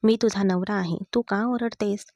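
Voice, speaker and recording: A woman's voice: mid-range voice, fairly even intonation, moderate pace, dark tone, slight background noise, lightly acted. A woman reading the part of a jealous, possessive young husband who presses every word. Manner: insistent and demanding.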